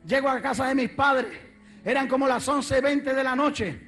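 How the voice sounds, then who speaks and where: Fervent high-voiced male preacher. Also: normal speed. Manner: fervent, shouting praise, swinging from quiet storytelling to loud exclamations. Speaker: evangelist preacher. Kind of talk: testimony sermon.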